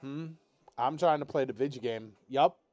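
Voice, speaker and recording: A man's voice: medium pitch, normal speed, a little mellow, no room sound, dull audio. A young man streaming a game live, chatting casually in a laid-back, rambling way full of swearing. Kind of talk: casual live-stream chat while gaming.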